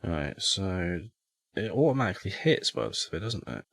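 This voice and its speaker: A man's voice: low-pitched, very animated, a little fast, gravelly, a bit bright, no echo. A man running a tabletop game as game master, easygoing and thinking aloud.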